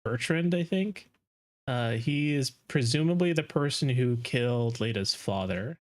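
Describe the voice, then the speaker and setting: A man's voice: mid-range voice, expressive, measured pace. A man giving casual, off-the-cuff live commentary as a streamer reacting to game trailers.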